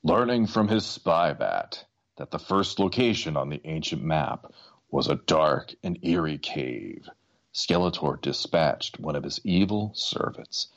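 Male storybook narrator: very low voice, animated dramatic reading, lo-fi sound. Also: measured pace, vocal fry. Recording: dull lo-fi recording.

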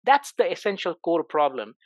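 A middle-aged man speaking as a podcast guest, his pitch swinging widely as he drives his points home. He poses rhetorical questions and answers them himself. The recording is dry and close, with no room sound. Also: normal speed, husky, no room sound. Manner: animated, emphatic, rhetorical questions. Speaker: startup CEO, podcast guest. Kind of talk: conversational interview answers.

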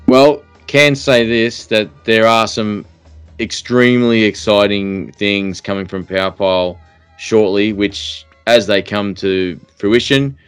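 Low-pitched Kiwi man chatting. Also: steady tone, takes it slowly, clean tone, faint music behind. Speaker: fishing podcast host. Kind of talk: casual chat.

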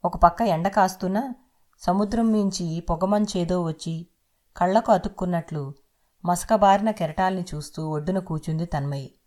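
A woman narrating an audio novel in a steady, literary storytelling manner. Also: lowish voice, normal speed.

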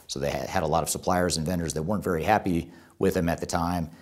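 A man's voice: low-pitched, steady tone, fast talker. A man presenting a top ten countdown as an online video host, explaining in a semi-scripted way and restating key points for emphasis.

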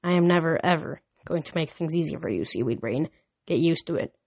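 A young man voicing a sharp, teasing teenage girl in a book read aloud. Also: on the high side, a little fast, vocal fry.

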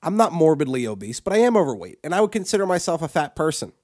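A man's voice: fairly high pitch, big pitch swings, fast talker, a little mellow. A man co-hosting a podcast, ranting crudely and profanely, with frequent restarts and repeated words. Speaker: podcast co-host. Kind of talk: crude comedic rant.

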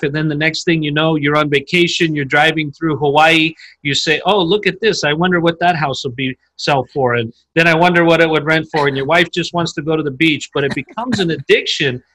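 A man hosting a podcast, his voice bright and forward with a somewhat high pitch. He speaks upbeat and emphatic, leaning into his points in a conversational interview. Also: poor audio. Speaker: podcast host.

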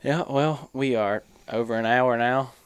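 A man's voice: mid-range voice, fairly even intonation, measured pace, clear, resonant tone, no room sound. A man hosting a podcast, chatting in an informal, colloquial way. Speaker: podcast host. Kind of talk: casual podcast chat.

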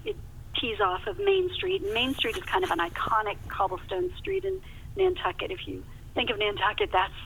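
A woman novelist, guesting on a podcast, tells her stories conversationally with emphasis, often repeating words. Her fairly high voice is sing-song, gravelly and a bit bright at a moderate pace, coming through a muffled phone line that hisses.

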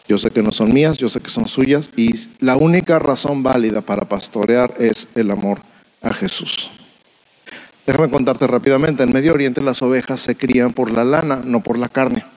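A man's voice: medium pitch, darkish tone, poor audio. Man preaching a sermon with refrains. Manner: repeats refrains and asks the listeners rhetorical questions. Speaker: pastor preaching to pastors.

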